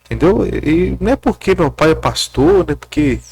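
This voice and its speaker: A man's voice: fairly high pitch, expressive, fairly quick, vocal fry, a little mellow, husky. A man interviewing a guest and then giving earnest, direct counsel, addressing him informally.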